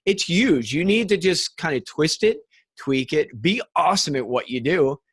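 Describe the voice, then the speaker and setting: A man's voice: on the high side, animated, moderate pace, a bit bright, husky, dry recording, clean studio sound. A man hosting a podcast interview in an upbeat, casual way, often calling his guest "dude" and "man.". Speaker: podcast host.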